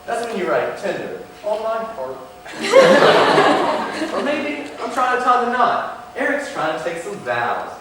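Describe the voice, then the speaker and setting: A young man performing a stand-up comedy set in a university auditorium, with a deadpan mock-lecturing delivery. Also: high-pitched, a little slow, pauses often, very noisy. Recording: echoey auditorium from far off. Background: audience laughter.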